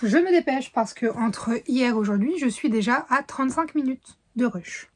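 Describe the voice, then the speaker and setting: A woman talks through her latest reads in a relaxed, chatty vlog, restarting and correcting herself as she goes. Her voice sits a little high and has a faint husky edge. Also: moderate pace. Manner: chatty, rambling with fillers and self-corrections. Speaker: book vlogger. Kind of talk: casual reading vlog.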